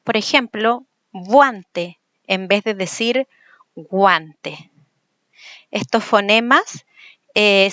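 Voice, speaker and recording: A woman teacher gives a recorded lecture, explaining patiently and slowly repeating example words. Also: a little high, fairly bright tone, dry recording, highs cut off. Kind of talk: recorded lecture on speech sounds.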